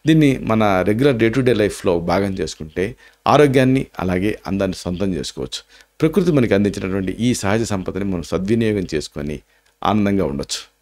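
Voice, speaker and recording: Low-voiced Telugu man explaining remedies. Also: animated, brisk, a little mellow. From India. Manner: explanatory, slips in English terms, many restarts and "aa" fillers. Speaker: Ayurvedic doctor. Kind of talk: health advice talk to camera.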